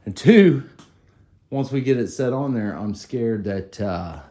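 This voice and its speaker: A man's voice: mid-range voice, expressive, slow pace, warm tone. A man hosting his shop vlog, talking casually to the camera and admitting he is nervous. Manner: nervous, self-deprecating chat. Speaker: shop owner and video host. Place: tidied-up shop.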